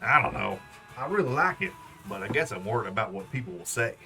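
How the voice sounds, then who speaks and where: A man's voice: on the low side, big pitch swings, quick pace, gravelly, sharp tone, soft background music, voice pushed down, full character voice. A man voicing an earnest, insecure young monster in a video game. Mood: sheepish.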